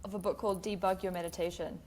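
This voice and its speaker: A woman hosting a podcast interview, chatting casually and excitedly, dropping "like" often. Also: fairly low pitch, fast talker. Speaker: podcast host.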